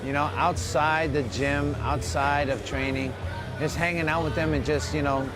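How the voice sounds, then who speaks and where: At a gym, over music, a Filipino mixed martial arts fighter whose first language is Tagalog answers interview questions. His voice is fairly high with fairly even intonation at normal speed, and he talks loosely and upbeat, sprinkling in "you know" and "man."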